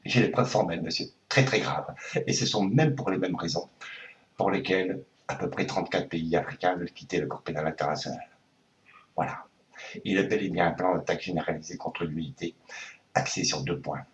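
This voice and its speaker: A man making a prank phone call, hesitant and full of pauses, earnestly conspiratorial. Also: low-pitched. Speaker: prank caller.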